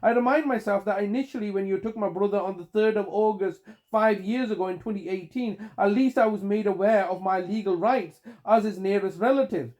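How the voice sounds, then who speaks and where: A man with a high-pitched voice leaving a long voicemail. He sounds aggrieved and accusatory, and he keeps breaking off and restarting his sentences as he presses his complaint. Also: fairly quick, few pauses, darkish tone. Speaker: caller.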